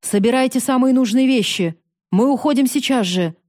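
A woman's voice: sits high, moderate pace, a little mellow, no echo, clean studio sound, natural voice. A woman voicing a worried village father who urges his family and neighbors to flee. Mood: urgent. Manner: urgent, pleading.

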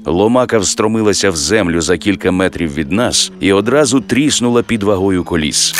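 A man narrating an audiobook in a steady, measured reading. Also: low voice, a little hiss or hum.

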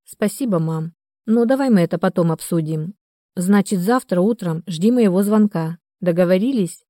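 A woman's voice: fairly low pitch, moderate pace, mellow, no echo, clean studio sound, lightly acted. Woman reading as a guarded grown daughter.

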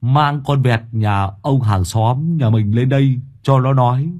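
A man voicing a brash young man who teases loudly and coarsely. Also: medium pitch, measured pace, pitched above the performer's own voice, natural voice. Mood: mocking. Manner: loud, teasing, coarse. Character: brash young man, loud-mouthed joker.

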